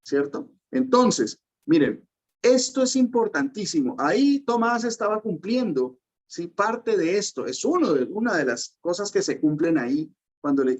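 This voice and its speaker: A man's voice: on the high side, dull audio. A male pastor delivering a sermon, emphatic, often checking in with rhetorical questions.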